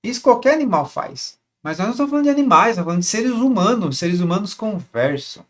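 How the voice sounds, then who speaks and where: High-voiced man coaching couples. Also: big pitch swings, fast, a bit bright. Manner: conversational, repeats words, asks rhetorical questions. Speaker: relationship coach. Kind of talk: casual teaching monologue.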